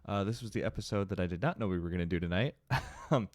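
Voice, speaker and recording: After a slow, dramatic opening and some rambling small talk, the host of a storytelling show reads a horror story, with a slight lisp caused by the rubber bands on his braces. He has a deep, darkish voice, and the recording has no room sound.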